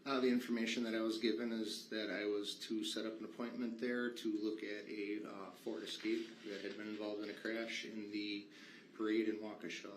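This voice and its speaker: A man's voice: lowish voice, level tone, moderate pace. A man giving formal testimony as a witness, explaining his work in a matter-of-fact way. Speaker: witness, state patrol vehicle inspector. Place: courtroom. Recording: echoey courtroom, faint noise.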